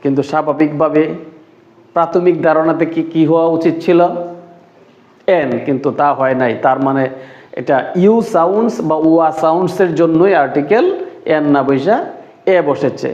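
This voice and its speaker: Male English tutor, slightly high voice, repeats key words, echoey dull room sound. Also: darkish tone. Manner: repeats key words slowly, asks and answers his own questions. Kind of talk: explaining grammar rules.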